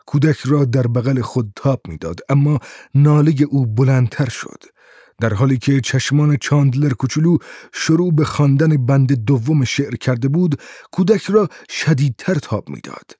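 A man reading a story aloud as an audiobook narrator in a steady, measured way. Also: medium pitch, breathy edge, no room sound, clean studio sound. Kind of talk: scripted narration.

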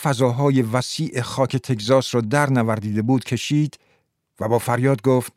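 Man, story narrator, measured literary reading, dry close recording. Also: mid-range voice, fairly even intonation, a little mellow, dry recording.

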